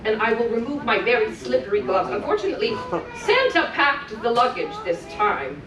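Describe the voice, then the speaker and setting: A woman playing a cheerful, gentle Mrs. Claus, reading rhymes to children in a sing-song, encouraging way with chatty asides. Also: on the high side, very animated, moderate pace, a crowd in the background. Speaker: character storyteller at a children's event. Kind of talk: live storytelling to children, rhymed picture-book reading. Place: indoor room on a cruise ship. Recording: distant mic, roomy echo, faint noise.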